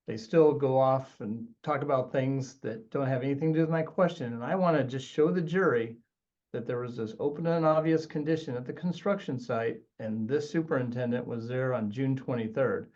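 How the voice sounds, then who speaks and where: A man's voice: mid-range voice, moderate pace, a little mellow, dull audio. A man who works as a trial lawyer, telling an instructional story in an earnest way as a webinar guest. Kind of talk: instructional anecdote.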